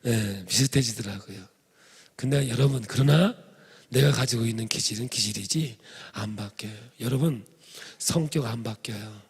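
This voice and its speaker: Gravelly-voiced pastor preaching with humor. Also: male voice, medium pitch, moderate pace. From Chungcheong Province, Korea. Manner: humorous, addresses congregation directly. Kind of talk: revival sermon.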